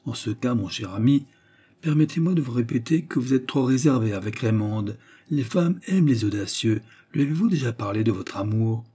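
A man's voice: medium pitch, animated, warm tone, slightly rough. A man voicing a scheming, persuasive older society lady who coaxes a shy suitor. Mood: coaxing. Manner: coaxing, insinuating, brisk.

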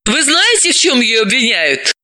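A man voicing an anxious, quick-tempered woman psychoanalyst who speaks in a nervous, brisk way. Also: very high voice, wildly swooping pitch, pushed and bright, pitched above the performer's own voice, exaggerated voice.

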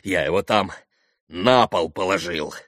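A man voicing a hot-headed young man who exclaims excitedly. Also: sits low, measured pace, no echo, studio quality. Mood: excited mocking.

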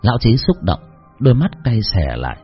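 A man narrating a story in an expressive, emotional way. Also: on the low side, a little fast, breathy edge. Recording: dull lo-fi with faint music.

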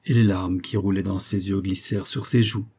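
A man narrating a classic novel in a measured, even storytelling manner. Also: sits low, breathy edge. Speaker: audiobook narrator. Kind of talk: scripted narration.

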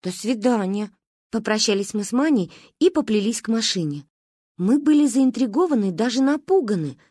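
Woman reading a story, lively and husky. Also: on the high side, a little fast, dry recording. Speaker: audiobook reader. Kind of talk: storybook narration.

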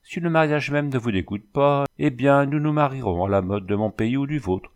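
A man's voice: medium pitch, moderate pace, pitched above the performer's own voice, natural voice. A man voicing a boisterous, flirtatious former cavalry soldier who talks in boastful, rattling exclamations.

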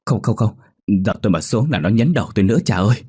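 A man's voice: lowish voice, lively intonation, quick pace, a little mellow, slightly rough. A man voicing a terrified fisherman who whimpers and panics after a ghost attack, in a spoken horror story. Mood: whimpering.

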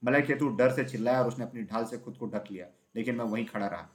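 Man, storybook narrator, steady even reading, mid pitch. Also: fast.

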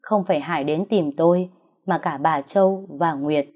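A woman's voice: low voice, moderate pace. A woman narrating a first-person audio drama story with a dramatic, emotional reading. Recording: dull lo-fi recording.

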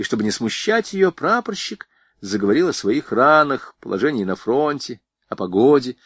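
A man's voice: medium pitch, slightly rough, no echo. A man narrating a novel expressively as an audiobook reader. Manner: expressive, varied voicing. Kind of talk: scripted narration.

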